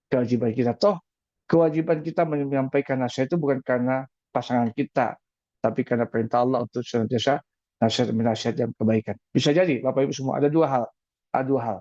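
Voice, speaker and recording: Lively male preacher, dull dry sound. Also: medium pitch, no echo. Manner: lively, asks the audience questions, repeats key phrases. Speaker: preacher giving an evening talk. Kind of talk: evening religious talk on marriage.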